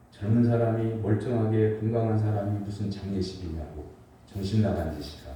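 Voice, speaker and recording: A male senior pastor delivers a Sunday sermon through a face mask in a large church sanctuary, telling stories and putting rhetorical questions to the congregation. His voice is fairly low and warm, recorded from a distance in an echoey hall with slight background noise.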